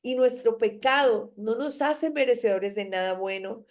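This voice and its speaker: A woman's voice: a little high, normal speed, darkish tone. A woman preaching a daily devotional, reading scripture and urging the listener with emphatic repetition. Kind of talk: devotional sermon with Bible reading.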